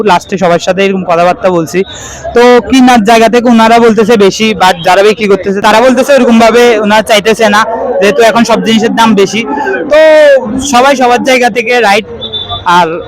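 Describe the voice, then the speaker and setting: A man's voice: high-pitched, poor audio. A male vlogger giving casual commentary at an outdoor market, mixing English words into his Bengali. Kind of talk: casual vlog commentary and street interviewing. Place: crowded outdoor cattle market. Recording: busy outdoor market crowd noise. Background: market crowd.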